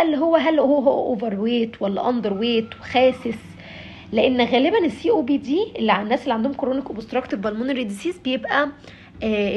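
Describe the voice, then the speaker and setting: A woman's voice: a little high, lo-fi sound. A young woman with an Egyptian Arabic accent explaining a physiotherapy study sheet, mixing English medical terms into her talk with frequent fillers. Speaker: physiotherapy tutor.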